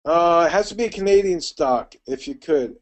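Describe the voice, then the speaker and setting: A middle-aged man teaching a live trading webinar. He talks quickly and chattily and calls attendees by name. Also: on the high side, expressive.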